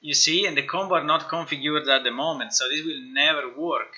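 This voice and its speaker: A man with a fairly high, very bright and forceful voice chats fairly quickly on a live stream, thinking aloud as he works indoors at his computer. English is not his native language; he mutters to himself, says things over and over and swears a lot. Sound quality is somewhat dull and lo-fi.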